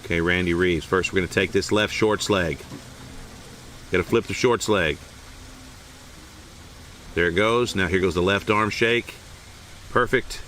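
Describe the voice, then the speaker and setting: Male play-by-play commentator, slightly low voice, mock-serious hype, tongue in cheek. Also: unhurried, long pauses, slight background noise. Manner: playful, deadpan hype of small moments.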